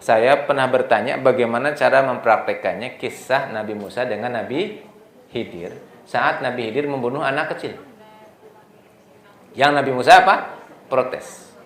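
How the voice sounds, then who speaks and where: A man's voice: mid-range voice, roomy sound. A man preaching to a gathering of mothers. He keeps asking the audience questions and answers them himself. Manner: acts out tearful prayers in a soft, hushed voice. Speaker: preacher at a mothers' study circle. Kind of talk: religious lecture to women.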